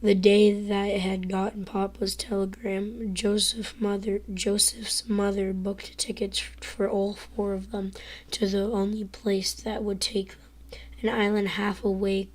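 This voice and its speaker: A teenage girl reads a novel aloud on a live stream, her voice hoarse, worn out and nearly gone, so she whispers and trips over words. Her mid-range voice barely moves in pitch, her pace is measured, and the audio quality is poor.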